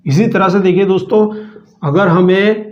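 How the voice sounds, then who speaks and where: A high-voiced man teaches grammar in a patient, repetitive way and keeps addressing his viewers as friends. The recording sounds echoey and dull, as if made in a bare room with a cheap mic. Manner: patient, repeats slowly, calls viewers friends. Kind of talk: grammar lesson.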